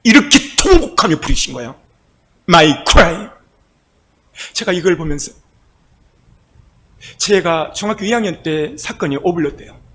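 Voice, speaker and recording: A male pastor preaching a sermon with passion, moving from soft, quiet passages to loud cries. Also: high voice, very animated, measured pace, pauses often. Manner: impassioned preaching, swinging from soft to shouting.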